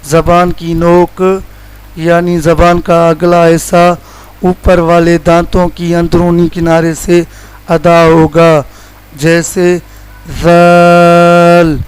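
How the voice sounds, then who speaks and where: A man from Pakistan teaching Quran letter pronunciation in a plain explaining tone, stretching each letter slowly as a model sound. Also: fairly high pitch, monotone, clean tone, faint music behind, low-quality recording.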